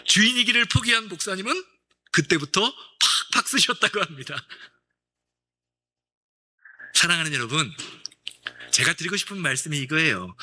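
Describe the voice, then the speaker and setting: A man's voice: fairly high pitch, sharp tone. A male pastor preaching a Sunday sermon, telling a story with acted-out dialogue and questions to the congregation.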